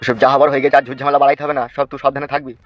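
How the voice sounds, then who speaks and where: A wounded old father voiced by a man in a comic cartoon. He pleads wearily for caution at a rapid pace. The dull, muffled lo-fi audio has faint music underneath. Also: medium pitch, completely flat delivery, close to an everyday voice. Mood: weary.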